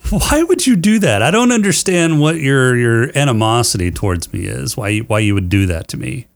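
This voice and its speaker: A man's voice: mid-range voice, lively intonation, brisk, vocal fry. A man hosting a sci-fi podcast, bantering casually with a sarcastic, exasperated manner and the odd swear word. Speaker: podcast host.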